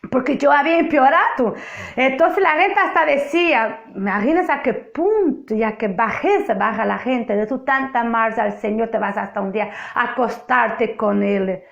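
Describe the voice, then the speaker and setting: Portuguese woman, non-native, emphatic testimony preacher; higher voice, muffled lo-fi recording. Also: animated, moderate pace, gravelly. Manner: emphatic, repeats phrases for effect. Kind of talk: spoken testimony sermon.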